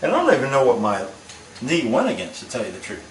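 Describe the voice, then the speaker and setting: A man on a paranormal investigation, telling his partner in a halting, relaxed way what happened to him. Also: mid-range voice. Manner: halting, relaxed storytelling with restarts. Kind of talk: casual chat. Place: old house, indoors. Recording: echoey room, distant mic, faint noise.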